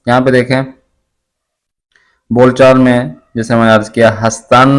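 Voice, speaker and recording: A man teaching a language lesson, reading phrases aloud and explaining each one slowly. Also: mid-range voice.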